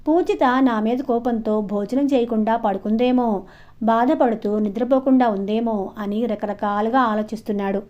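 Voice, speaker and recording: A woman storyteller reading a novel aloud in an expressive, dramatic way, in a dull lo-fi recording. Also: on the high side. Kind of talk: audiobook narration. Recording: dull lo-fi audio.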